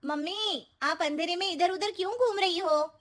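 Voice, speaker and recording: A woman playing an anxious, nagging younger woman of the household in an animated story, pleading and exasperated. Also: very high-pitched, normal speed, background noise. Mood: worried. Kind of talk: Hindi animated story dialogue.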